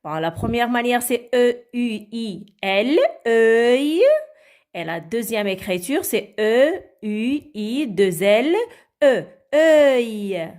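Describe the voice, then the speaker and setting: Slow, singsong woman teaching phonics. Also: a little high, lively intonation, darkish tone. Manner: slow, drawn-out word and letter pronunciation; coaxing, frequent checks like "d'accord?". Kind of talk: phonics lesson for children.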